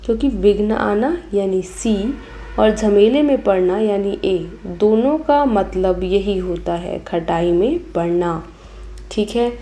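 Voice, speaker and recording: A woman's voice: mid-range voice, takes it slowly, dark tone. A young woman teacher going through an exam paper, reading each option aloud and then giving the answer.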